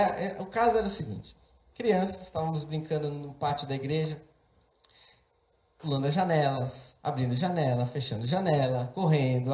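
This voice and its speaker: Male preacher, fairly high voice, impassioned sermon, roomy church echo. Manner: impassioned, building to forceful emphasis. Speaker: pastor.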